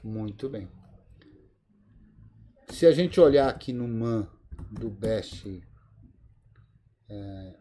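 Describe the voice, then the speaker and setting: A man's voice: fairly low pitch, expressive, very slow, pauses often, warm tone. Brazilian man teaching Linux over a call. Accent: Brazilian Portuguese. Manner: thinking aloud, many fillers. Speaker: Linux course instructor. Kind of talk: live screen-share tutorial. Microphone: video call mic.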